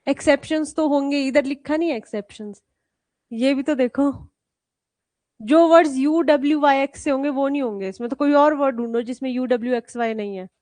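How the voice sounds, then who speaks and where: A woman's voice: sits high, fairly quick, a little mellow, dry recording. Hindi-speaking woman teaching English grammar. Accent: Indian English. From India. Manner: addresses students as "beta", quizzes them; switches between Hindi and English terms, spells out rules. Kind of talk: live classroom lesson.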